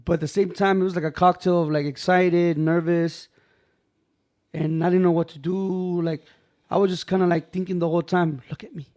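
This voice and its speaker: A man telling a personal story on a podcast in loose, casual speech, with a voice pitched a bit higher than most men's. He keeps it animated, playing out what other people said and calling his listener "bro" and "man.". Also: normal speed. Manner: animated, acts out quoted voices, says "bro" and "man" often.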